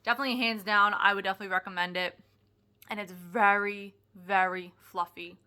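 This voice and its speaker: Bright-voiced chatty young woman. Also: medium pitch, fairly quick. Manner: chatty, excitable, lots of "like" and restarts. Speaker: product reviewer. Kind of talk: casual review vlog.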